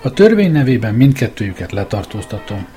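A man's voice: on the low side, very animated, warm tone, faint music behind. A man voicing a stern police chief who gives cold, commanding orders in a storybook reading.

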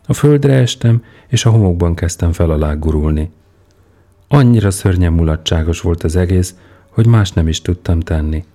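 A male storyteller reading a first-person story aloud with very low, gravelly tones. His delivery is measured and unhurried, the timbre dark and mellow. Faint music plays in the background. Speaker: narrator. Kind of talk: audiobook narration.

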